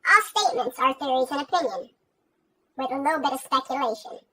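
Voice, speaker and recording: A woman's voice: animated, brisk, sharp tone, husky. A woman's voice run through a sped-up chipmunk filter, reading a mock-formal disclaimer and trailing off into giggles. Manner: giggly, trails into a whisper and laughs. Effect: sped-up high chipmunk voice filter. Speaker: livestream host reading a disclaimer.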